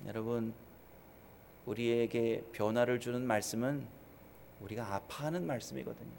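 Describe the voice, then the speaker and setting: A man preaching a sermon as pastor, swinging from loud exhortation to hushed, quiet asides. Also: mid-range voice. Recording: church hall reverb.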